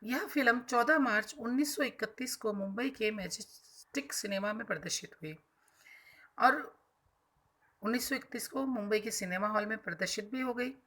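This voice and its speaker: A woman teacher walks children through a textbook chapter, stopping to explain difficult words in plain terms. Her voice sits fairly high and sounds bright and sharp. She circles back and repeats points as she talks. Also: moderate pace. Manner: explains hard words simply, with repetitions and restarts. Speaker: school teacher.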